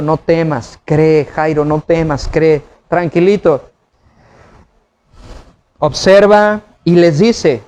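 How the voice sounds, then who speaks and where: Pastor guy, high-ish voice, preaching casually, keeps asking the congregation questions. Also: a little mellow, lo-fi sound. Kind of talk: sermon. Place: church.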